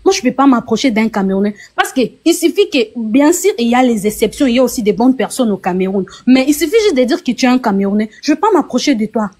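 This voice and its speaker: A woman's voice: a little high, expressive, fast talker, few pauses, darkish tone. Shaky-voiced woman from Kinshasa. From DR Congo, Kinshasa. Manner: shaky, emotional, apologetic, insistent. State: trembling voice. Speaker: guest speaker on a live stream. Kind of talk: emotional live-stream debate.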